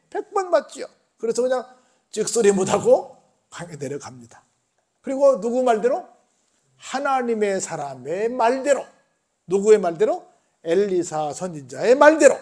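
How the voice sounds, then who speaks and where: A male pastor with a high-pitched voice preaches a sermon. He retells the story in colloquial language and keeps asking his listeners questions. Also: a little mellow.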